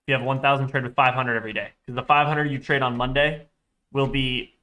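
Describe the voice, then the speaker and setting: A young man with a stuffy, congested voice talks fast on a live trading stream, his medium pitch fairly even and his tone sharp. He reads chat aloud in a casual, rambling way, correcting himself often.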